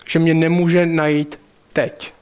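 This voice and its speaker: High-voiced man preaching a sermon. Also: level tone, darkish tone, clear, resonant tone. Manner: direct, urgent address to listeners, slowing on key phrases.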